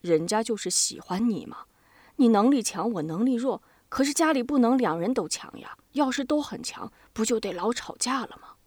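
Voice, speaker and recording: A meek, timid young husband, as a woman reading a story puts him on pleads in a soft, whiny way. The voice climbs and dips in a lively way. It sounds dry and close, with no room sound. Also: a little high, normal speed, no echo. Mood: pleading.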